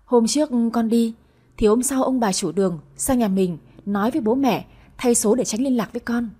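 A woman voicing a humble, middle-aged country mother in an audio story, speaking gently and hesitantly in a husky voice. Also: on the high side, moderate pace. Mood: weary.

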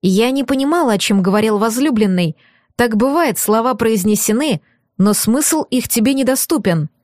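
A woman narrating a first-person audiobook in a measured, emotive reading. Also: fairly high pitch, animated, a little mellow, dry recording, clean studio sound.

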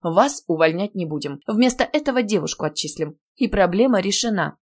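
A woman reading an audiobook, voicing an indignant, fussy middle-aged male deputy dean who scolds loudly. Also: medium pitch, animated, fairly quick. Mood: bossy. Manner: loud scolding, theatrical outrage.

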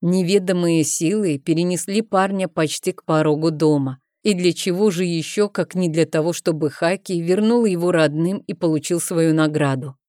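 A woman narrating an audiobook in a measured storytelling manner. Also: lowish voice, mellow, dry recording, studio quality.

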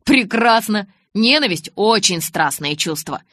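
A woman voicing a cocky, teasing teenage boy who talks loudly and brashly in an audiobook. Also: medium pitch, expressive, unhurried, no room sound, studio quality. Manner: loud, brash and insistent.

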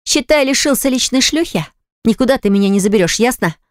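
A woman's voice: medium pitch, quick pace, darkish tone, no echo, studio quality, close to an everyday voice. A man voicing a hurt, angry young pregnant woman in an audiobook, indignant and defensive.

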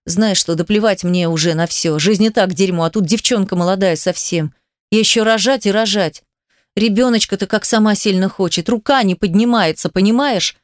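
A woman's voice: mid-range voice, moderate pace, no room sound, natural voice. Woman reading as world-weary female doctor, blunt, coarse, subdued, dry audiobook sound. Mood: weary, pitying. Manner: blunt, coarse, tired speech.

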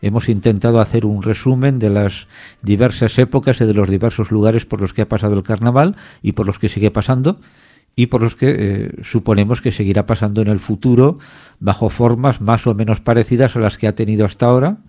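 Mellow radio host, hesitant. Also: male voice, fairly low pitch, fairly even intonation. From Spain. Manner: measured, with frequent hesitant pauses. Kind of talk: explanatory radio talk.

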